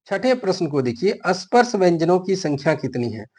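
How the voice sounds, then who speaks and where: A man's voice: high voice, sing-song, fairly quick, a little mellow, slightly rough. A man teaching a grammar lesson for an exam, explaining step by step and answering his own questions.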